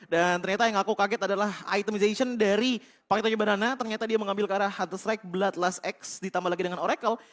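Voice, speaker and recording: Fast, high-voiced male esports analyst, Indonesian accent. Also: steady tone. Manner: long detailed explanations peppered with English game terms. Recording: loud music behind the voice. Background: music.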